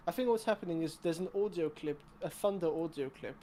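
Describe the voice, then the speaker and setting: A man's voice: fairly high pitch, fairly quick, mellow, a little hiss or hum. A young man co-hosting a casual game-development chat on a call, rambling and self-deprecating with many restarts. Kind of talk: casual chat over gameplay.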